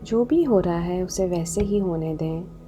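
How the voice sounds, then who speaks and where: A woman with a fairly low voice leads a guided meditation, soothing and unhurried, leaving long pauses between short instructions while music plays in the background.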